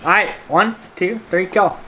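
A woman with a notably low voice hosts a casual taste-test vlog. She talks in an easygoing way, trailing off with fillers. A clear background noise runs under the home recording. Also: unhurried, pushed and bright. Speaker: vlogger.

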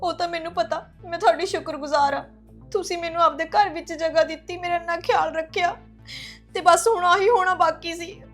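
A woman's voice: very high-pitched, fairly even intonation, a little fast, fairly bright tone, soft background music. A woman acting as a grieving young widow who cries and pleads over her loss. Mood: tearful. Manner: tearful and pleading. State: crying.

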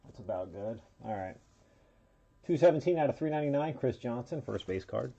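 A man's voice: mid-range voice, expressive, a little fast, vocal fry, mellow, a little hiss or hum. A man hosting a live trading card break, casually calling out player names and serial numbers as he opens packs, in a dull lo-fi recording.

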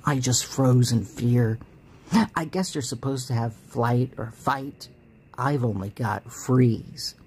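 A woman reading a story aloud in a dramatic, expressive way. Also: rumbling low, takes it slowly, a little hiss or hum. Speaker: story narrator.

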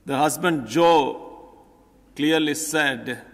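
Older priest guy, slow solemn reading, big cathedral echo. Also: a little high, a bit bright. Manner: measured, deliberate phrasing. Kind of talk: solemn gospel reading and homily. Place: large church, at a lectern. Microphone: lectern gooseneck microphone. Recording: echoey church hall, long reverb.

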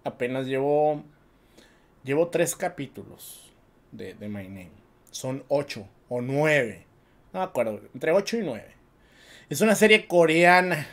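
A man's voice: on the high side, a little slow, pauses often. Slangy Mexican man telling a story. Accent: Mexican Spanish. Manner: slangy, profane, animated storytelling. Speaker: podcast co-host. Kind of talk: casual film podcast chat.

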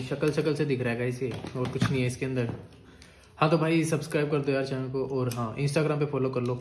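A man giving casual, excitable commentary on toy battles as a video creator, chatting to his viewers. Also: medium pitch. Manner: chatty, excitable, calls viewers "bhai" and "guys". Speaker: YouTuber. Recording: echoey room with loud noise.

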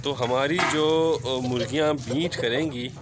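A poultry vlogger with a medium-pitched, steady, unhurried voice chats casually through a tour of his rooftop yard, leaning on the same filler phrases again and again. He shoots it outdoors on a handheld phone, and ambient outdoor noise comes through.

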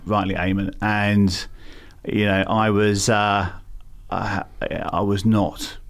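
A campaign founder from England, middle-aged and London-accented, appears as a guest and answers interview questions with lots of fillers and restarts. He speaks slowly in a voice on the low side with little pitch movement.

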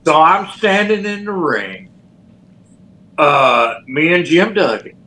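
A man's voice: on the high side, slow pace, poor audio. An older man, a former pro wrestler telling stories animatedly in a casual interview. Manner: animated storyteller, folksy, sound effects.

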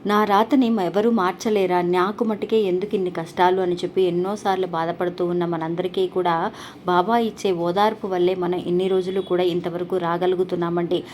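A woman's voice: fairly low pitch, flat delivery, a little fast, darkish tone, a little hiss or hum. A woman hosting a devotional channel, telling a story in an earnest, polite way with frequent restarts.

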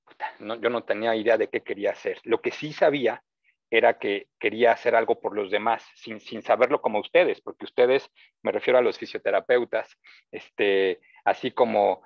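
A man speaking as a guest in a webinar, rambling and filling pauses with "este" and "¿no?", heard over a video call. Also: fairly low pitch, gravelly, dry recording, muffled recording. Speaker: guest speaker, company founder. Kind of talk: casual talk in a webinar.

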